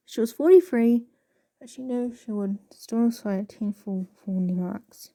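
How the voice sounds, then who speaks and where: A woman casually reading passages aloud with a halting, stumbling delivery and soft asides. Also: a little high. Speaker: video creator reading excerpts aloud.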